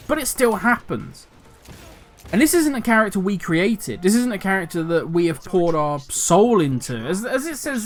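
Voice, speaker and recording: In a casual commentary video, a cynical, grumbling older man who runs a gaming channel rambles on about his views and keeps correcting himself. He has a fairly high, slightly bright voice.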